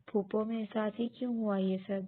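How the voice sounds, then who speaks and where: A woman voicing a heartbroken, withdrawn young woman who speaks quietly and wearily. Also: medium pitch, steady tone, lightly acted. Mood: weary. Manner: quiet, weary. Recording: tinny phone-like audio.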